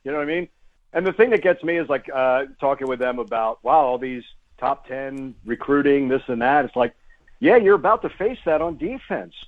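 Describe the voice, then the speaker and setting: On a tinny phone line, a man who works in sports broadcasting chats as a radio guest, analyzing conversationally and emphatically repeating phrases. His voice sits on the high side.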